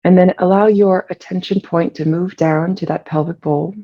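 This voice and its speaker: A medium-pitched meditation leader talks slowly and soothingly, relaxed and gravelly with vocal fry, pausing at length between lines. The high frequencies of the recording are cut off.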